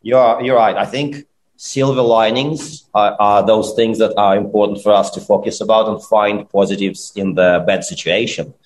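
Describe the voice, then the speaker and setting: A man from Ukraine with a Ukrainian accent, a guest speaking in a measured, earnest way. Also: fairly low pitch, steady tone, poor audio.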